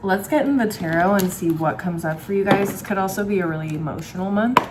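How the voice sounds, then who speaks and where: A woman's voice: medium pitch, fast talker, very noisy. A woman giving a casual, chatty tarot reading to viewers, with a dry throat from a cold and frequent swallowing. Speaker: tarot reader and astrologer host.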